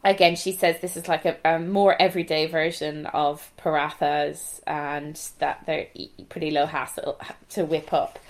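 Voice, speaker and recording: A woman's voice: deep voice, flat delivery, moderate pace, hardly any pauses. A woman with a west of Ireland accent from Galway, chatting casually as co-host of a cookbook show. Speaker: podcast co-host reviewing cookbooks. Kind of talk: casual chat.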